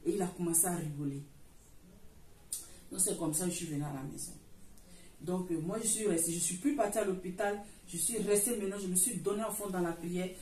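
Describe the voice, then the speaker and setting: A woman's voice: fairly low pitch, a little fast, warm tone. A middle-aged woman from Africa, giving an earnest church testimony and retelling it with many restarts. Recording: roomy echo, far from the mic, faint noise.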